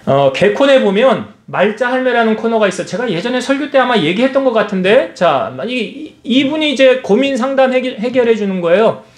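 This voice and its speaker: A male pastor preaches with a high, lively voice that swoops up and down as he fires rhetorical questions at the congregation. His voice rings out in an echoey church hall. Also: fairly quick, hardly any pauses. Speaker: senior pastor. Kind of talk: sermon.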